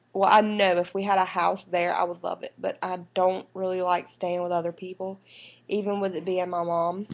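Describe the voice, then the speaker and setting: A young woman with a drawl talks slowly and unhurriedly, drifting from thought to thought with fillers and restarts. Her pitch sits in an ordinary middle range. She is at home, speaking into a computer's built-in microphone. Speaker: vlogger and new mother. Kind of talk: casual rambling life update. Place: indoors at home. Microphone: computer webcam microphone.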